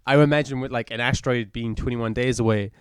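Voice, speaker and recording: Podcast guy thinking out loud, lots of likes, smooth voice, dry close sound. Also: mid-range voice, steady tone, fast, no echo. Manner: reflective, thinks aloud with many fillers. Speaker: podcast co-host. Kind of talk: casual chat.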